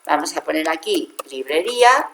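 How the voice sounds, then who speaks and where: In a screen-recorded software tutorial, a Spanish woman with an accent from Spain patiently guides viewers through a spreadsheet one step at a time, correcting herself as needed. She speaks at a normal speed in a deep, expressive, fairly bright voice, in a roomy space with a little hiss or hum.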